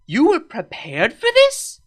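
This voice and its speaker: A woman's voice: high voice, huge pitch swings, slow pace, faint music behind, pitched above the performer's own voice, full character voice. A woman voicing a regal alicorn princess who is polite but exasperated and sighs often. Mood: amazed.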